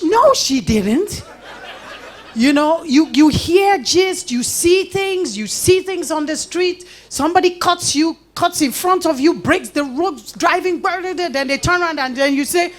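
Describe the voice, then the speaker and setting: A woman's voice: very high voice, measured pace, few pauses. A middle-aged Nigerian woman giving a live talk at an event, telling stories with animation and acting out little quotes between laughs. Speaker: invited speaker.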